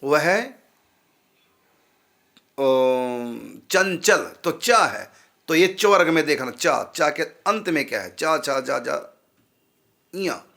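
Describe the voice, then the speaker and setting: A man's voice: a little high, lively intonation, slow pace, creaky, pauses often, sharp tone. A man, a spiritual teacher, patiently explaining how to pronounce mantra syllables and repeating sounds to drill them.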